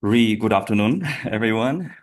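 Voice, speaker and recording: A man from China with a Chinese accent giving an academic conference talk. He speaks carefully and hesitantly, often restarting his phrases. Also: mid-range voice. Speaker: conference presenter. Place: conference hall.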